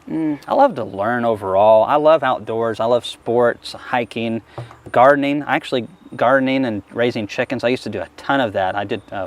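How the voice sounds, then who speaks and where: A man being interviewed as a beekeeper, chatting easily and enthusiastically while he works a hive outdoors. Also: mid-range voice. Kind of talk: casual interview answers while working a hive. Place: outdoors at a beehive.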